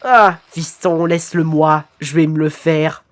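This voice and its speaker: A stern alien father figure, played by a woman who lowers her voice and drags the words out in a mock robotic tone. Bossy and slow, in a homemade cartoon dub. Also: fairly even intonation, a little hiss or hum. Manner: slow, put-on robotic deep voice.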